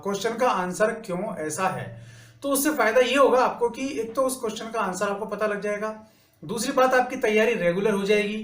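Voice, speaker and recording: A man teaching an exam-prep lesson, working through each answer step by step and reciting grammar rules slowly. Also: high-pitched, fairly bright tone, roomy sound.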